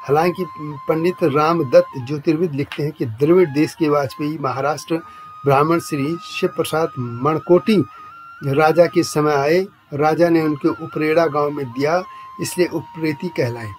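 A male journalist giving a scripted documentary narration, reading out long lists of names and places in a measured way. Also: on the high side, soft background music. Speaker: journalist narrating a channel's history series.

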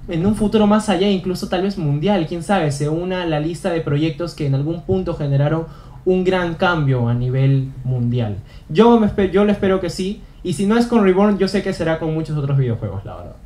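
A man's voice: a little high, animated, brisk, mellow. Earnest young man on stage. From Peru. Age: young adult. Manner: earnest, repeats phrases for emphasis. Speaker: student speaker. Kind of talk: motivational stage talk. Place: auditorium stage.

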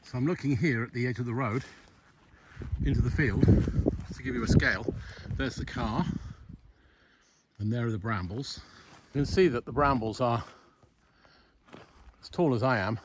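A middle-aged man filming a casual video diary on his farm. He explains each step, pausing and correcting his own words. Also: mid-range voice, animated, noisy background. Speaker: farm restorer vlogging his progress. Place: old stone barn and farmland, outdoors. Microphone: phone camera at arm's length.

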